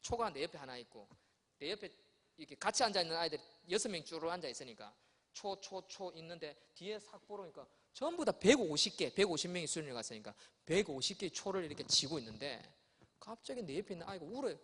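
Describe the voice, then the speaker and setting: Pastor, high lively voice, big echoey church hall, acting out the story. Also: male voice, fast, husky. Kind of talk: sermon with childhood story. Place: church sanctuary. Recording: long church hall reverb.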